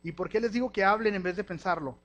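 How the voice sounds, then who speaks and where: A middle-aged man with a Mexican Spanish accent delivers a sermon. His voice sits a little high, and his manner is lively and full of slang. He keeps slipping into the voices of the people he quotes. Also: fast, dull audio. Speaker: preacher.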